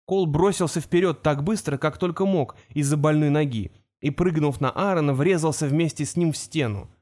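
A man narrating a fantasy story in a steady, expressive reading. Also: fairly high pitch, moderate pace. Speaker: audiobook narrator.

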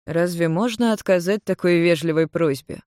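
A reader in an everyday voice plays a calm dark-haired young man, smooth and polite. The voice is unforced and dry, barely set apart from the narration. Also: medium pitch, normal speed, no room sound, natural voice.

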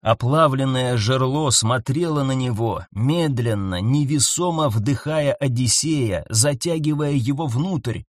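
A man narrating a science-fiction audiobook in a tense, measured reading style, recorded close to the mic. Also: medium pitch, dry recording.

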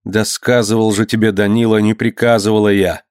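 A man's voice: lowish voice, flat delivery, brisk, a little mellow, no room sound, clean studio sound, natural voice. Man voicing a defiant merchant's wife. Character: defiant grown woman, merchant's wife, proud.

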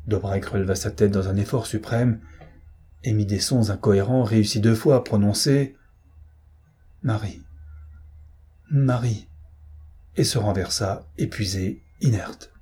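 A man narrating an audiobook in a measured, grave storytelling manner. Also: on the low side, mellow, breathy edge. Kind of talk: scripted narration.

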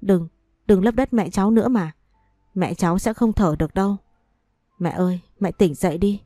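A woman's voice: mid-range voice, normal speed, mellow, no room sound, clean studio sound, natural voice. A woman voicing a young girl grieving her mother, pleading and sobbing in a storybook reading.

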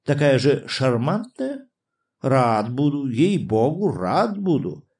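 A man's voice: medium pitch, big pitch swings, takes it slowly, a little mellow. A man reading an audiobook, voicing a boisterous, laughing older prince who exclaims and teases. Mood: jovial. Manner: exclaiming, guffawing, teasing. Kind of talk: audiobook character voice.

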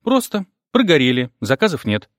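A man reading an audiobook, voicing a calm, firm woman boss. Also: a little high, moderate pace, dry recording, clean studio sound. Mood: cool.

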